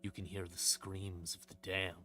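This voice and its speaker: His low voice barely moves in pitch, sounding pushed and bright at a normal speed as he streams. Casual and self-deprecating, he rambles and spins second-person horror tales over creepy ambient music.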